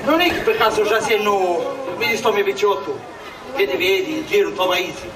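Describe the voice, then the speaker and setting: A man acting an excitable, scheming Sicilian village barber in a stage comedy, theatrical and exclamatory, in Sicilian dialect. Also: high-pitched, normal speed, over music, crowd noise, natural voice. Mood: wheedling. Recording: echoey theatre stage, distant mic, audience.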